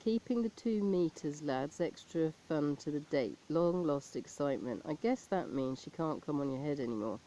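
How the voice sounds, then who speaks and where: A woman performing a deadpan comic monologue as a stand-up comedian, reeling off lists of jokes in a dry, flat delivery. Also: deep voice, normal speed, few pauses, low-quality recording. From abroad, not England. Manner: deadpan list-making delivery.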